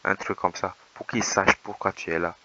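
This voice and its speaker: A man with a low, creaky, fairly monotone voice gives patient voice-over advice as a dating coach. His tone is bright and edgy despite the depth, and the recording sounds a little dull and lo-fi. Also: very noisy. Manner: measured, reassuring, explanatory. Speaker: dating coach commenting on footage. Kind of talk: calm voice-over commentary.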